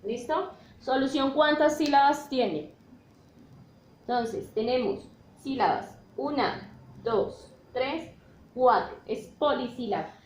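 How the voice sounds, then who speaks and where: Female teacher; slow, high-ish delivery, keeps checking the class; recorded in a roomy space. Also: expressive. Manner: checks in with "¿listo?" often, spells out letters. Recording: echoey room with faint noise.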